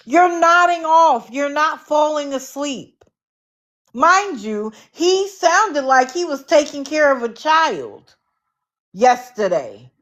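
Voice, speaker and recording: A woman from Connecticut hosting a livestream, giving sarcastic, animated commentary. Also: sits high, takes it slowly. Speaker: livestream host.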